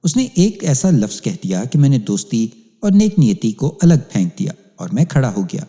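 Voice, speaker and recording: A man's voice: medium pitch, very animated, mellow. Man reading a dramatic audiobook. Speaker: storyteller narrating as police inspector. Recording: long hall reverb.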